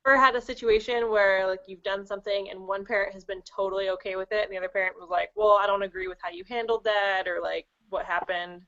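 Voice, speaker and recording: A woman's voice: mid-range voice, steady tone, quick pace, few pauses, fairly bright tone. A woman asking a question in a casual group discussion over a video call, her sound cutting in and out. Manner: asks a follow-up question. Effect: sound keeps cutting out over the call. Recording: dull call audio with dropouts.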